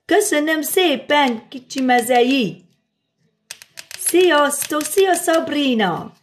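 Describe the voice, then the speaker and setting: A middle-aged woman with a slightly high-pitched voice keeps up a chatty running talk into her phone. She thanks viewers and answers their comments while she cooks in a home kitchen. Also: lively intonation, a little hiss or hum. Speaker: livestream host. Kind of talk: casual live-stream chat while cooking. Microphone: phone camera.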